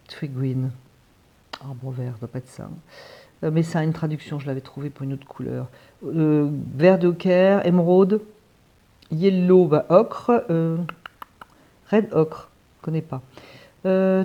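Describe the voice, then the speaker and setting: A woman's voice: deep voice, mellow, dull audio. A woman hosting a watercolor channel, chatting casually through an unboxing and thinking aloud with frequent hesitations.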